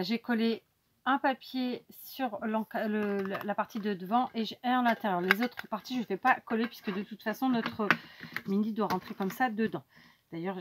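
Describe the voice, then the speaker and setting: Woman, craft tutorial host, chatty and unscripted, thinks out loud. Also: medium pitch, noisy background. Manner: chatty, thinking aloud with many fillers.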